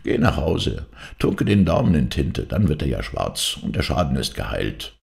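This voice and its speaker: Man doing a gruff old vagabond sorcerer. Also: a bass voice, very animated, moderate pace, a little mellow, heavily acted. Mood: grumbling. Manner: gruff, scolding.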